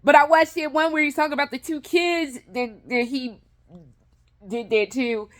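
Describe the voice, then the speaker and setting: This woman's voice is high-pitched and a bit bright, moving at a moderate pace as she chats loosely in her vlog. She curses without hesitation, laughs a lot, and frequently starts sentences over.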